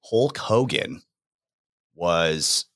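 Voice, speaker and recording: A man's voice: deep voice, animated, extremely slow, fairly bright tone. A young man hosting a fitness podcast in casual, slangy chat, laughing often. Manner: laid-back, laughing, slangy.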